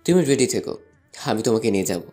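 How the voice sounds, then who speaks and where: A man's voice: medium pitch, expressive, fast, a little mellow, soft background music, close to an everyday voice. A young man narrating a first-person love story and voicing a playful, teasing student in an audio drama. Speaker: narrator and lead voice actor.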